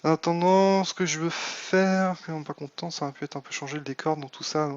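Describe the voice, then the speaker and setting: A man's voice: on the high side, steady tone, brisk, highs cut off. A man casually commenting on his live game stream, thinking aloud with many fillers and answering chat. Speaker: Minecraft modpack streamer.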